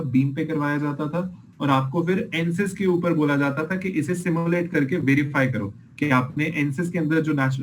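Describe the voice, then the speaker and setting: A man's voice: mid-range voice, slight background noise, poor audio. A man teaching a class as an engineering lecturer, explaining experiment videos patiently and checking in with his students often.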